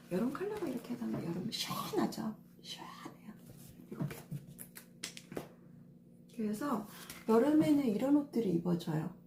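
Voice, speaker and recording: A woman's voice: a little high, dark tone, slight background noise. A middle-aged woman stylist giving a casual lesson on color coordination, patient and step by step with many fillers. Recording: echoey room with faint ambience.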